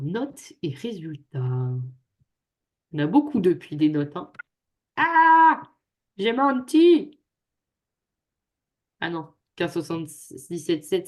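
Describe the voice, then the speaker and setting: In a low voice with a darkish tone, a young adult woman keeps things light while tutoring students over video. She's chatty and self-mocking, and the casual talk comes through a computer microphone.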